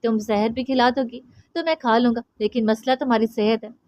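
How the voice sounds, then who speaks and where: A woman reading an audiobook voices a tender young husband who speaks slowly and soothingly. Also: a little high, fairly even intonation, dry recording, close to an everyday voice. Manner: slow, soothing, affectionate. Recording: dry, slightly dull audio.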